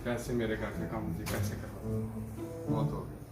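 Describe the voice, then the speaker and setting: A man's voice: fairly low pitch, little pitch movement, moderate pace. A young man acting out a comedy skit, exasperated and teasing. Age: young adult. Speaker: comedy sketch actor. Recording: echoey room, far from mic, music behind.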